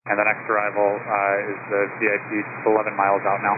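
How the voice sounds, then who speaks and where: A man working as a tower controller, giving procedural clearances over the radio. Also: fairly low pitch, fast talker. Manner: flat procedural delivery. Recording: tinny radio channel with static.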